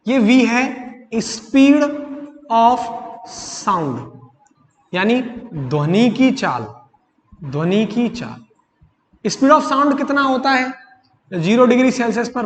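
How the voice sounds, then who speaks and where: A male physics teacher with a Hindi accent lecturing his class, repeating key terms as questions and drawing them out slowly. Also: very high voice. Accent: Hindi-accented English. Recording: echoey classroom, reverberant.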